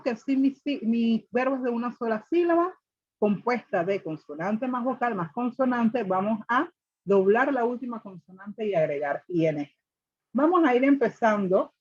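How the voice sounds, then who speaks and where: A woman teaches a class, laying out rules step by step and checking answers with her students. Her voice sits a little high and has a husky edge. The recording is dull and lo-fi. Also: darkish tone. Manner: explains step by step, repeats rules, asks the class questions. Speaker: English teacher. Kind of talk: classroom grammar lesson.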